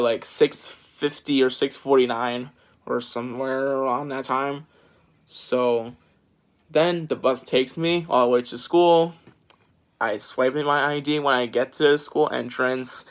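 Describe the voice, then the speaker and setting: A man's voice: mid-range voice, fairly bright tone. A teenage boy talking casually to his vlog viewers, rambling and switching accents now and then. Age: teens. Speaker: vlogger. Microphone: phone.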